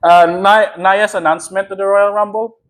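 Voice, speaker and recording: A man's voice: sits high, fairly even intonation, a bit bright, a little hiss or hum. A young man with a Filipino accent, co-hosting a casual wrestling podcast and making his points with heat and emphasis, often laughing. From Philippines. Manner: heated, emphatic, quick to laugh. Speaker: podcast co-host. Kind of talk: casual chat.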